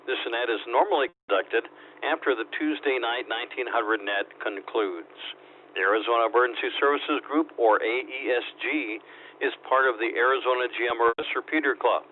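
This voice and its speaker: A man opening a radio net, reading his preamble in a steady, formal, procedural voice. His words come through a thin, phone-like two-way radio channel, with a faint layer of static behind them. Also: mid-range voice, moderate pace. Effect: two-way radio transmission with static. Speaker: radio net control operator.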